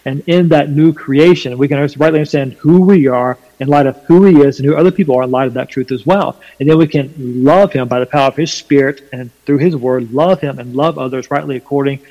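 A man with a Southern US accent and a slight twang, explaining his faith emphatically and deliberately in a preaching style during a conversation. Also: mid-range voice, dark tone, muffled recording. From North Carolina, USA. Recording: long hall reverb.

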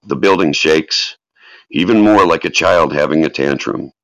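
A bass-voiced man speaking at normal speed hosts a live podcast, alternating a solemn, dramatic tribute reading with casual chat with callers. It's recorded in an echoey space with dull lo-fi sound.

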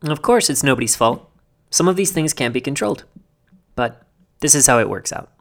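A man's voice: medium pitch, animated, fairly quick, natural voice. A man putting on a mock public radio announcer voice to narrate a podcast segment. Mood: narrating. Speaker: podcast host.

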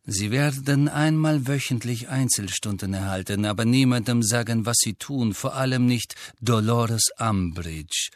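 Male reader doing a silky, mocking villain-teacher, low and unhurried, audiobook. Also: no echo, natural voice. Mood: cold. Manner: soft, slow, silky and mocking. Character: sneering cold male potions teacher. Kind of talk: audiobook character voice.

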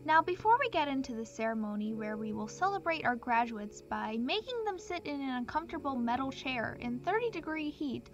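A woman's voice: high voice, big pitch swings, fairly quick, hardly any pauses. A woman playing a smug, inhuman female cult leader giving a mock-sweet valedictorian speech, heard as if played from a cassette tape. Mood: mock formal. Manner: chirpy, mock-sweet, sarcastic asides. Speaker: stand-in valedictorian. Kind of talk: fan audio drama acting. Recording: dull lo-fi tape with faint music.

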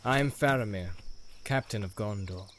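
A man voicing Faramir, a tall stern captain of soldiers, speaking low, measured and commanding. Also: fairly bright tone, a little hiss or hum, close to an everyday voice.

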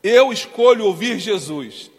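A man preaches a fervent sermon in a very high voice. He swings between shouts and hushed passages. Long reverb trails behind him, as in a large hall. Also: lively intonation, unhurried, husky. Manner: impassioned, shouting and dropping to soft tones. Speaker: pastor. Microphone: streamed to viewers at home.

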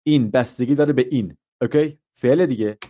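A man with a mellow, darker voice teaching an IELTS lesson on a live stream. He quizzes his students, walks through each point step by step and switches into English for example phrases. The audio is a little muffled. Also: medium pitch. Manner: asks the class questions and explains step by step. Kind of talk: live online grammar lesson.

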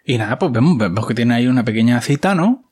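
A man's voice: mid-range voice, expressive, fast talker, a little mellow, slightly rough. A man casually retelling a TV episode, wry and chatty, with offhand filler asides. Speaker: series recap host.

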